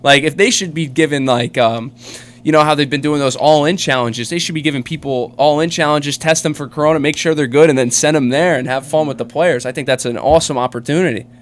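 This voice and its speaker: A man's voice: fairly high pitch, fast. A man co-hosting a sports podcast, chatting casually and giving strong opinions with lots of fillers. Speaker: podcast co-host.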